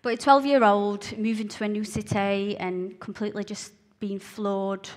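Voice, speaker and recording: A woman with a broad Glaswegian Scottish accent, telling a personal story to listeners in an earnest, halting way, repeating phrases for emphasis. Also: mid-range voice, fairly even intonation. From Glasgow, Scotland. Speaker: speaker giving a testimony. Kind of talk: personal testimony told to listeners.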